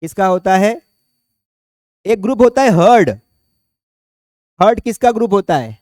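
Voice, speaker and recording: A man's voice: sits high, lively intonation, a little slow, darkish tone, dry recording, studio quality. A man teaching English grammar in a classroom, speaking, chatty and joking as he quizzes students by name. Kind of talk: classroom lecture.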